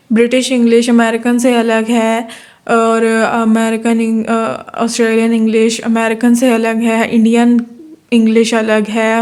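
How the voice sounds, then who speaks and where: Flat, higher-pitched woman lecturing. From Pakistan. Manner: reads English definitions slowly, then explains them in Urdu; repeats phrases and checks in with listeners ("theek hai"). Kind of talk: university lecture.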